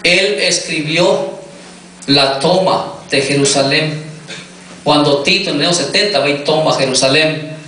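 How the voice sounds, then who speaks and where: Male pastor, measured sermon delivery, bright tone, quizzes the congregation, distant echoey hall recording. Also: fairly high pitch, a little hiss or hum. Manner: questions the congregation, repeats "me entiendes".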